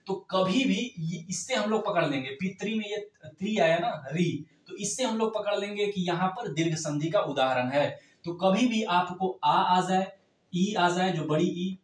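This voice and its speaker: High-voiced man teaching grammar, echoey room. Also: far from the mic. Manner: explains step by step, repeating checks like "ठीक है". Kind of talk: exam-prep grammar lesson.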